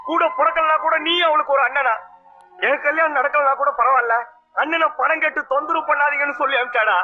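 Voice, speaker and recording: A man's voice: very high-pitched, fairly even intonation, a little fast. A desperate man chasing a debt, emotional, bitter, tinny film audio, faint music. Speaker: film actor.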